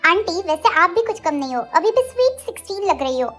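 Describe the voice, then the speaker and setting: A woman as a sweet, polite young woman, high voice. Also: big pitch swings, a little fast, faint music behind, exaggerated voice. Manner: soft, polite.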